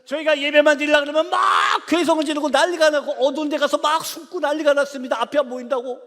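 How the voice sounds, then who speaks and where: A missionary man preaching a sermon in a church, telling a story with passion and rising to shouts. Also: extremely high pitch, fairly even intonation, fast talker, long reverb tail. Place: church sanctuary.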